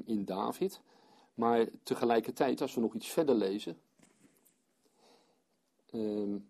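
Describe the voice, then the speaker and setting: A man's voice: mid-range voice, creaky, dark tone, husky. A man leading a Bible study for a small group, reading scripture aloud and then explaining it as he thinks aloud.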